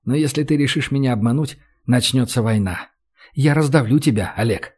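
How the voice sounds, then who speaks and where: A man's voice: mid-range voice, a little fast, darkish tone, husky, close to an everyday voice. A man voicing a sarcastic, commanding young man who taunts and threatens. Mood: threatening.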